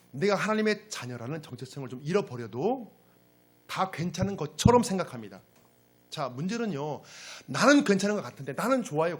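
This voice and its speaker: A male pastor delivers a sermon in a slightly husky, fairly high voice. His pitch rises and falls with great animation. He talks straight to the congregation and drives his points home with dramatic, emphatic questions. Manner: addresses the congregation directly. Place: church service.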